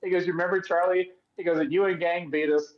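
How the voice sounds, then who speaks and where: Man, podcast co-host, casual storytelling, acts out quotes, somewhat high voice, dull lo-fi sound. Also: steady tone, quick pace. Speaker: podcast co-host, former wrestler.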